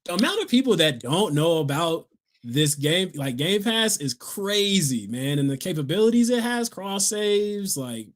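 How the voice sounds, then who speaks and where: A man's voice: high voice, big pitch swings, a little slow. A man co-hosting a gaming podcast, chatting casually in slang and reading out viewer comments. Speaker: podcast co-host. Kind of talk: casual chat.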